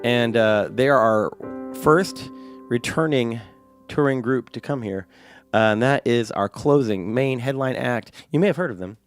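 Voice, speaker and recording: Hoarse, raspy man hosting a live stream. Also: mid-range voice, a little slow, soft background music. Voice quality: hoarse smoker's rasp. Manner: chatty, rambling, playful. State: congested from a sinus infection, coughing. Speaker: live stream show host and piano player.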